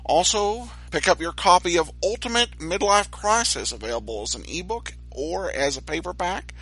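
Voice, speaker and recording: An American man hosting a podcast, giving analytical, measured commentary. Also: high-pitched, animated, bright, forceful tone, slightly rough, rough recording. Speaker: podcast host.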